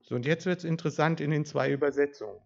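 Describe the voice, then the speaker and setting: A man's voice: on the high side, fast, vocal fry. A man preaching an informal sermon in a conversational way, putting questions to the congregation. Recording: dull lo-fi sound.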